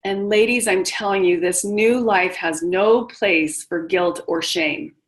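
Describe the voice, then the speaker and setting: A middle-aged woman leads a motivational webinar, speaking directly to her audience in an encouraging, confiding tone. Her voice sits slightly low for a woman. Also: slow pace, rough recording. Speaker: webinar host and widowhood coach.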